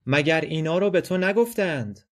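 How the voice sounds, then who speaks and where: A man's voice: a little high, expressive, voice pushed up, close to an everyday voice. A man voicing a stern, pompous male teacher who gives curt commands in a dramatized play reading.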